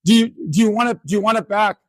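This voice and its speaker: A woman's voice: medium pitch, fast, no echo, studio quality, pitched above the performer's own voice, lightly acted. A man voicing a young female university student who keeps apologizing and pleading insistently. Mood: eager. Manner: pleading, repeats herself.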